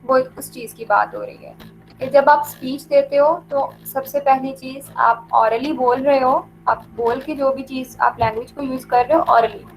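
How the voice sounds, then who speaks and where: A woman teaching an online lecture, explaining slowly with many fillers and mixing English terms into her Hindi. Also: high-pitched, fairly even intonation, soft background music, rough recording.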